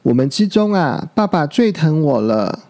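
A man's voice: high-pitched, expressive, a little slow, gravelly, warm tone, pitched above the performer's own voice, exaggerated voice. A man voicing a boastful, smug baby male ankylosaur in a storybook. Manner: smug, bragging.

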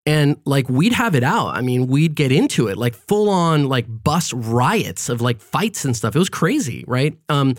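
A man's voice: medium pitch, big pitch swings, measured pace, hardly any pauses, dry recording, clean studio sound. A man in his forties, raised in Florida, talking reflectively in a casual podcast conversation, often checking in with "right?" and "you know". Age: 40s.

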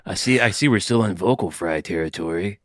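A man co-hosting a podcast in casual comedic banter, deadpan and mock-formal in his phrasing. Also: sits low, a little fast, no echo, clean studio sound. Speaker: podcast co-host.

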